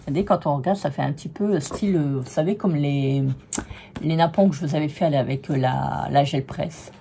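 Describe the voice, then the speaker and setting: Hoarse, chatty woman gushing over crafts. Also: low-pitched, moderate pace, mellow, a little hiss or hum. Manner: chatty and gushing, many hesitations. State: hoarse, losing her voice. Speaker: crafting vlogger. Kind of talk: casual product review vlog.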